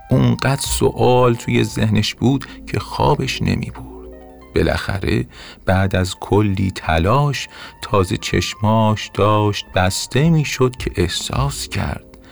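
A man narrating a bedtime story in a gentle, expressive way. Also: fairly low pitch, gravelly. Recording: soft music under narration.

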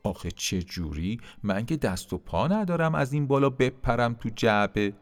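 A man's voice: mid-range voice, animated, faint music behind, close to an everyday voice. A man voicing an upset little orange fruit in a storybook tale, whiny and stubborn. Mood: glum. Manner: whiny and insistent.

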